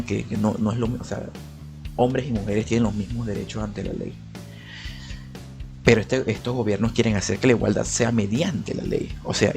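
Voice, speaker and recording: A man's voice: lowish voice, vocal fry, a little mellow. A young man from Venezuela with a Venezuelan Spanish accent, giving casual opinion commentary in a conversational way, often restarting his sentences and dropping slangy asides. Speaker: political YouTuber.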